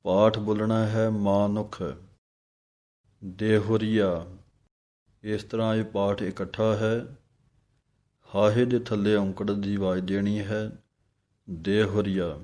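A man teaching the correct pronunciation of sacred verses. He chants each line slowly, then explains it plainly. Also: fairly low pitch, dark tone. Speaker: scripture recitation teacher.

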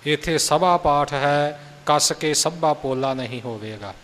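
A man explains scripture to a congregation at a slow, deliberate pace, his voice a touch high. The recording has a long hall reverb with a faint hiss under it. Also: fairly bright tone. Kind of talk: sermon with pronunciation guidance.

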